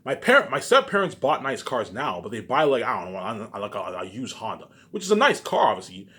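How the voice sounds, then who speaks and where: With huge pitch swings and a sharp, medium-pitched voice, a male vlogger delivers a fairly quick, rambling rant to camera. It's unscripted, agitated and profane, repetitive, and full of stumbles and repeated words.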